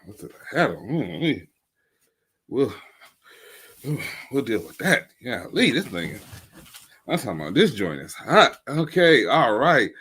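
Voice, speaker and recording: A man's voice: medium pitch, very animated, a little slow, pauses often, fairly bright tone, slightly rough. A man hosting a show in a casual, joking and slangy way. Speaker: host.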